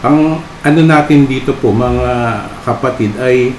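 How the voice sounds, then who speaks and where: A man's voice: mid-range voice, measured pace, darkish tone, a little hiss or hum. A man preaching a storytelling sermon at a church worship service. He speaks hesitantly, with many fillers and tag questions. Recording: roomy hall with faint ambience.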